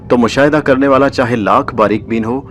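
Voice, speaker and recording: A man narrating a story in the first person, measured and formal, with literary diction. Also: mid-range voice, fairly bright tone, soft background music.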